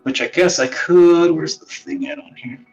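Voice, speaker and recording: A man's voice: a little high, steady tone, normal speed, vocal fry, recorded from a distance, muffled recording. A man chatting casually on a live stream, rambling, swearing and mocking himself, heard through a phone mic with a boxy speakerphone sound, as if inside a box. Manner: rambling, swearing, self-mocking, often muttering under his breath. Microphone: phone used as a wireless webcam mic. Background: faint background music.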